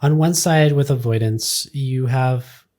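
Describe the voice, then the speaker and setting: Mellow, dark-voiced podcast host. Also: mid-range voice, slow pace. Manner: reflective, agreeing then building on the point. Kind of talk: casual podcast interview.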